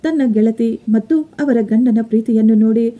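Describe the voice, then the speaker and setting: A woman reading a scripted moral story as narrator, in a steady, emotive manner. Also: fairly high pitch, moderate pace, narrow, tinny audio.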